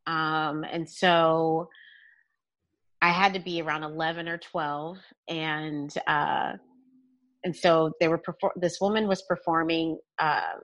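A woman giving personal testimony as an interview guest, candid and halting in conversation. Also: fairly low pitch, a bit bright, dry recording. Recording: dull, lo-fi, close dry sound.

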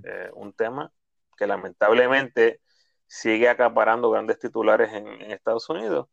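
Male host, gravelly voice, muffled dry sound. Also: on the low side, crowd noise. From Puerto Rico. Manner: brief listener responses, measured questions. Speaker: podcast host. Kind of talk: interview questions.

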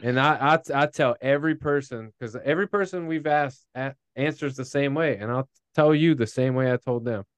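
A man co-hosting a casual podcast chat, asking questions in a laid-back, drawn-out, jokey way. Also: medium pitch, clear, resonant tone, no echo.

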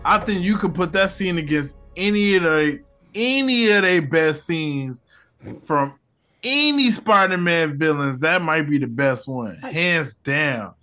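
A man's voice: fairly high pitch, lively intonation, unhurried, bright, forceful tone, soft background music. A man giving casual, hyped film reaction commentary, slangy and profane. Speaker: reaction host.

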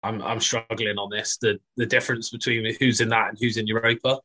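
A man's voice: fairly low pitch, level tone, fairly quick, sharp tone. A man chatting casually and a little hesitantly as a football podcast quiz contestant. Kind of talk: casual chat.

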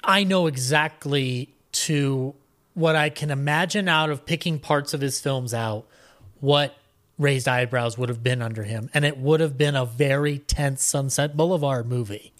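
This podcast guest speaks a little slowly, at medium pitch with a fairly bright tone. He rambles casually through the interview chat, full of fan enthusiasm.

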